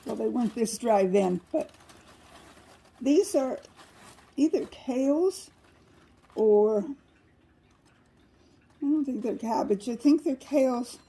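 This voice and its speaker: A woman talks through her chores in a loose, rambling way, often stopping to correct herself. Her voice sits a bit high but sounds mellow and gravelly. A faint hiss runs under the indoor camera recording. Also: expressive, slow pace, long pauses, poor audio. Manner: rambling, homey, self-correcting. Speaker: home gardening vlogger. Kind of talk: casual chatty vlog. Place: indoor plant room with newspaper on carpet. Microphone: camera mic set up nearby.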